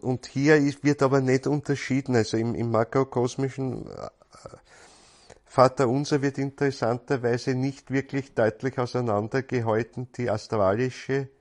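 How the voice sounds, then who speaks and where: A man's voice: mid-range voice, steady tone, normal speed. A man gives a spiritual lecture in a thoughtful, searching way, often repeating words as he goes.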